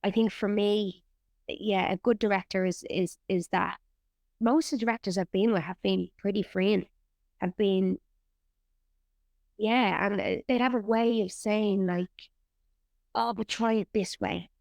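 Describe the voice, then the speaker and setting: A woman's voice: medium pitch, steady tone, unhurried, gravelly, darkish tone, no echo. A woman, an actor and writer, chatting candidly in an interview and swearing freely. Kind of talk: casual interview chat.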